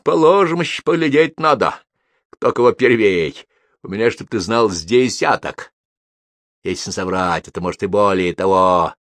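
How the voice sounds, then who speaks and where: A man reading the part of a boastful, scornful branded convict, loud and drawling in a dry recording. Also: on the low side, no echo. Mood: mocking.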